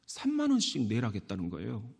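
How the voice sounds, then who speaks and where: A man preaching a sermon as pastor of a church, speaking in an animated way and often asking his congregation questions. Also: medium pitch, brisk, vocal fry, breathy edge. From Korea. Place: church sanctuary. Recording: echoey church hall.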